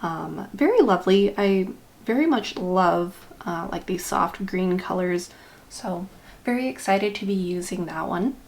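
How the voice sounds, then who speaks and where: A woman's voice: lowish voice, lively intonation, unhurried, vocal fry. A woman with a slight lisp from wearing a retainer, rambling casually and a little self-consciously as she talks through ink swatches for a vlog. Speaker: YouTube vlogger.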